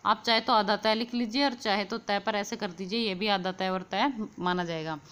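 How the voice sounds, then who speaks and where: A woman's voice: medium pitch, steady tone, moderate pace, a bit bright, clear, resonant tone. A young woman teaching an exam quiz lesson online, explaining patiently, repeating key points and putting questions to the viewer.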